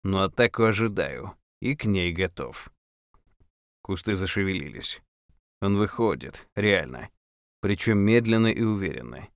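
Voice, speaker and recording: A man with a fairly low voice delivers dramatic first-person audiobook narration. He speaks in terse, clipped, intense phrases, recorded very dry. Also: lively intonation, unhurried, dry recording.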